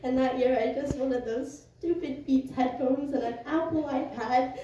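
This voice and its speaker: A young woman giving a personal eulogy to mourners, speaking tenderly and informally, with halting pauses. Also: high voice, steady tone, warm tone. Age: young adult. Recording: echoey room, distant muffled mic, noisy.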